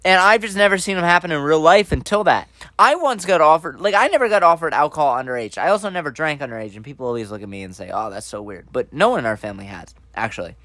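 A man's voice: fairly high pitch, quick pace, dry recording. A young man casually telling a funny story and acting out the dialogue in voices. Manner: animated, acts out dialogue in voices.

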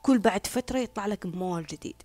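Woman, mid pitch, casual opinionated commentary with sarcastic whispered asides, dry close recording. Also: very fast, a little mellow, no room sound. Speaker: social media commentator. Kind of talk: casual monologue.

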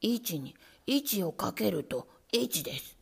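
A woman's voice: sing-song, gravelly, breathy edge, full character voice. A woman doing a stammering nervous little rat. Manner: stammering, slow, low and whispery. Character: nervous pompous little male rat teacher. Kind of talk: storybook reading.

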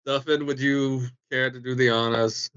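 A man's voice: mid-range voice, flat delivery, normal speed, fairly bright tone, smooth, dry recording, lo-fi sound. A man talking casually as a player in a tabletop game, asking questions and speaking for his character.

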